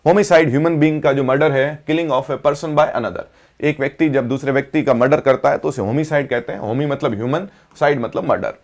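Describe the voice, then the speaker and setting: A man teaching English vocabulary, explaining each word in Hindi with slowly read English definitions and asking the class to repeat. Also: medium pitch, gravelly.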